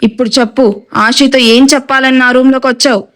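A stern, hot-tempered young man issuing cold, clipped orders, as a woman storyteller puts him on. The voice is clear and smooth, slightly high, and kept fairly level rather than swinging in pitch. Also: steady tone, a little fast, a bit bright. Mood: menacing.

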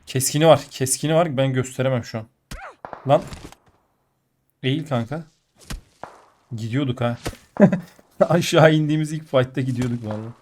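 A sick man with a blocked nose and a muffled, nasal voice, giving excitable gameplay commentary that jumps between muttering and outbursts. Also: mid-range voice, slight background noise. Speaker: mobile game player.

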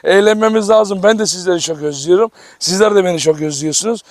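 A man vlogging casually in his outdoor garden with his dogs, talking to the camera and excitedly calling and scolding the animals. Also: sits high, fast, no room sound. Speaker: farm vlogger. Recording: noisy outdoor camera recording. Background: dogs barking.

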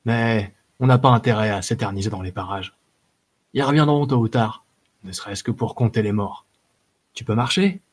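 A man voicing a gruff, mocking old male warrior in an audiobook, with blunt soldier's slang. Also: on the low side, normal speed, lightly acted. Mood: urgent. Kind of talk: audiobook character voice.

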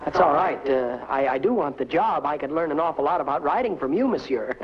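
A man plays an eager young fellow who stammers and jokes at his own expense. His voice sits a little high, over the dull, hissy sound of an old TV soundtrack. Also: expressive, a little fast, natural voice. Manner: sheepish, stammering, joking. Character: eager young American hopeful. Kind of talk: 1950s sitcom acting.

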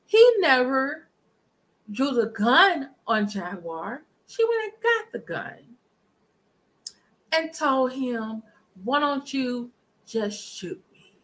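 A middle-aged woman talks straight into her webcam in a home living room, hosting a live commentary stream. Her voice sits a bit high and sounds bright and forward. She speaks emphatically and breaks off to greet viewers in chat. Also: sing-song, takes it slowly, pauses often, poor audio. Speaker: livestream commentary host. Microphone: webcam at desk distance.

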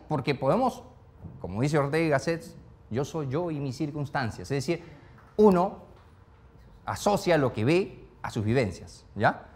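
A man teaching a speed-reading class, asking the group question after question and filling his talk with short tag questions. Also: a little high. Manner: animated, questions the group over and over; peppers speech with "¿ya?" and "¿no?". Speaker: speed-reading course instructor. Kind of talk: interactive classroom lesson.

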